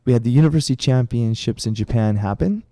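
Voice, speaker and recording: A man's voice: medium pitch, fast talker, dark tone, no room sound, studio quality. Rambling middle-aged male podcast co-host. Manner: rambling storytelling with restarts. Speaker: podcast co-host, karate instructor. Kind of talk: casual chat.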